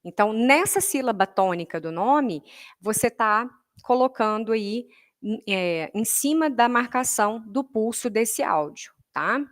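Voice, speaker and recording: A woman's voice: a little high, expressive, unhurried. A woman with a Brazilian Portuguese accent, a music teacher giving an online workshop lesson. She explains patiently, keeps checking in with her listeners, and counts beats aloud in rhythm.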